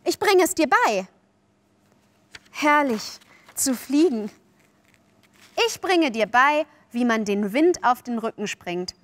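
A woman's voice: on the high side, animated, takes it slowly, long pauses, a bit bright. A woman voicing a cocky, sly boy who coaxes and boasts. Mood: coaxing. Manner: boastful, coaxing, offhand.

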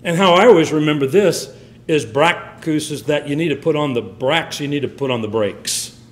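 A man's voice: on the high side, moderate pace, reverberant. A man preaching a sermon with emphatic, swinging delivery. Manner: emphatic, rising and falling delivery.

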